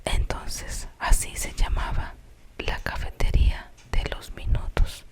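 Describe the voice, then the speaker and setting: In a soft ASMR whisper, a narrator with a Colombian accent tells a story slowly and with suspense. She breaks off at times to explain things along the way.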